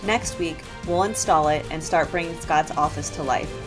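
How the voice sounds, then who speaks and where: A woman narrating a casual RV vlog in a chatty, playful, excitable way. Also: low voice, moderate pace. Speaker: vlogger. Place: RV campground, indoors and outdoors. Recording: background music.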